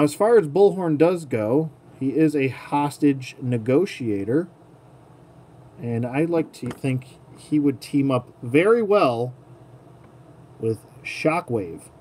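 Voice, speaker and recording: A man with a mid-range, slightly mellow voice hosts a casual toy-collecting tutorial at a table indoors. As he works with his hands he sometimes murmurs to himself, and the recording carries clearly noisy ambience.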